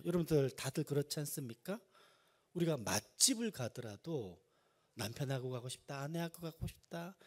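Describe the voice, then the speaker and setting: Man, pastor, sermon in church, animated pitch, rhetorical questions. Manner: preaching with rising emphasis and rhetorical questions. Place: church sanctuary.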